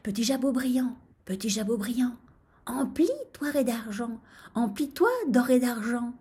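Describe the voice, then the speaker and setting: A woman voicing a cheeky, stubborn little rooster in a storybook reading, chanting in a shrill, drawn-out way. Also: mellow, natural voice.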